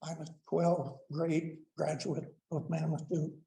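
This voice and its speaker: A man's voice: fairly high pitch, little pitch movement, takes it slowly, vocal fry, dark tone, reverberant, low-quality recording. A man in his seventies giving a plainspoken, blunt public comment at a school board meeting, with frequent "uh" fillers. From Colorado, United States. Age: 70s. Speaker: public commenter, retired superintendent.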